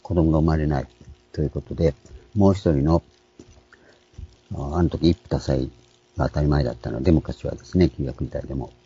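Deep, dark-voiced man preaching. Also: a little fast, pauses often, slightly rough, muffled recording. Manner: calm explanatory teaching, many fillers. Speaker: pastor. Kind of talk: sermon on scripture names.

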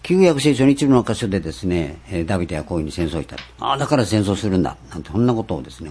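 A man preaching a sermon, stressing points with rhetorical questions and slowing down for scripture. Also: lowish voice, vocal fry, a little mellow, slightly rough. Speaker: pastor.

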